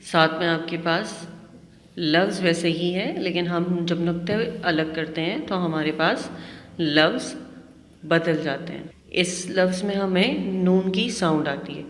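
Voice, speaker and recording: A woman teacher giving a slow, patient classroom lesson, spelling out words letter by letter. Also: lowish voice. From Pakistan. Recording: echoey room with long reverb.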